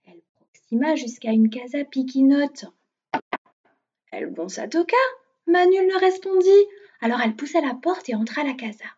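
A woman's voice: on the high side, animated, a little mellow, breathy edge, highs cut off. A woman reading a children's fairy tale aloud in a playful, storytelling way. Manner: slow, playful narration of invented words.

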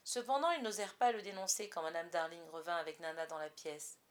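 A woman narrates a classic children's story. She reads at a measured pace. She is expressive and shapes each sentence with care. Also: fairly low pitch. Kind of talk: storybook reading.

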